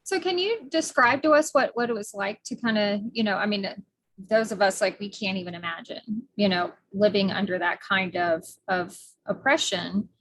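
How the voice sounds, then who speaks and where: A middle-aged American woman hosts a casual podcast interview, speaking earnestly with frequent fillers and restarts. Her voice is medium-pitched and fairly bright, and she talks at a normal speed.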